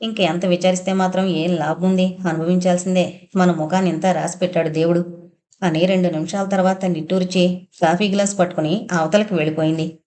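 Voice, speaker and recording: Female narrator for a long-form audio novel: steady, even delivery, mellow and low. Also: brisk. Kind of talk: scripted first-person novel narration.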